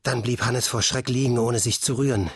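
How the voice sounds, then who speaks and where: A man reading a children's story aloud in a calm, measured storytelling manner. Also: medium pitch, slightly rough, no echo, clean studio sound. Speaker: audiobook narrator. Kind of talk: scripted audiobook narration.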